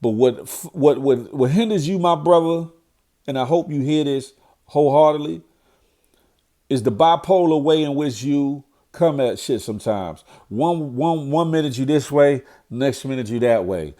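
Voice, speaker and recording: The middle-aged man's voice is fairly high, mellow, and a little slow, with a nasal, cold-stuffed quality. As a vlogger on current events, he delivers blunt, preachy commentary and repeats himself when agitated.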